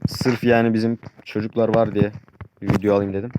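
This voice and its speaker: A young man with a sore throat giving excitable, casual live commentary on his gameplay, calling out his teammates. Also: fairly low pitch, fairly quick. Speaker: gaming channel host. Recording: loud background noise with clicks.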